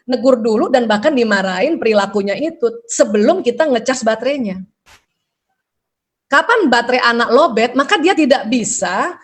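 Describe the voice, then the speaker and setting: A middle-aged woman giving a parenting seminar, acting out the lines of parents and children in a higher voice. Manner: lively, acts out parent and child dialogue with raised pitch. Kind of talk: seminar talk.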